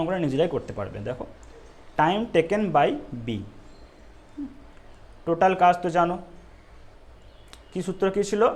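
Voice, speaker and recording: A male math teacher working through exam problems step by step, often asking the students if it is clear and telling them not to worry. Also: fairly high pitch, a little mellow. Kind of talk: exam-prep math lesson.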